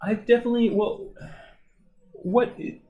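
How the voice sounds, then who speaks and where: A man co-hosting a casual podcast, talking in a halting way and often starting his sentences over. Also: very high voice, fairly even intonation, narrow, tinny audio. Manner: hesitant, halting, full of restarts. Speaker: podcast co-host. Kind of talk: casual chat.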